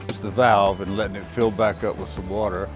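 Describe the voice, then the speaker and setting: A man's voice: on the low side, flat delivery, fairly quick. A man chatting casually outdoors in a dry, matter-of-fact way. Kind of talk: casual chat. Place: outdoors at RV campground. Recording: background music.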